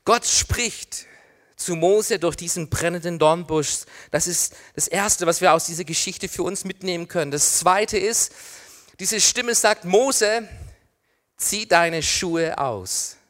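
A middle-aged male pastor preaching a sermon, swinging from loud calls to hushed near-whispers and asking listeners questions directly. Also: on the high side.

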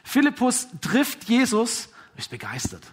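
Husky-voiced man preaching a sermon. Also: very high-pitched, measured pace. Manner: earnest, encouraging, retells scripture with lively quoted dialogue. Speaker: pastor.

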